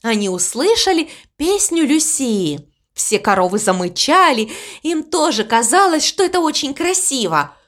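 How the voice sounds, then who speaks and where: A woman reads a children's story aloud with an expressive storybook manner. Her voice is high and lively, rising and falling a lot, and she takes it slowly. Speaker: narrator.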